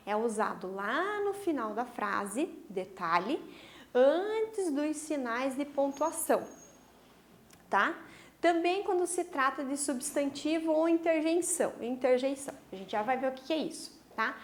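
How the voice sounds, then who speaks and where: High-voiced, slow-speaking woman teacher. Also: expressive. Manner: explains slowly, checks in with "tá?" and "né?". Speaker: primary school teacher. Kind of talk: recorded online grammar lesson.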